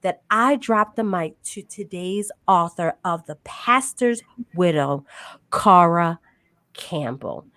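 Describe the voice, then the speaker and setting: A woman hosts a book club podcast and introduces her guest in a formal way. She speaks very slowly, in a fairly low voice. The sound is dry, with no room echo. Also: lively intonation, bright, forceful tone.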